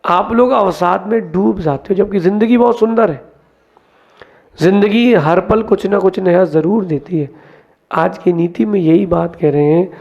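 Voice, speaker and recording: A man, a monk, giving a sermon, telling parables in a lively teaching way and mixing in English words. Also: sits high, vocal fry. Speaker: Jain monk giving a discourse. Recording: dull lo-fi sound.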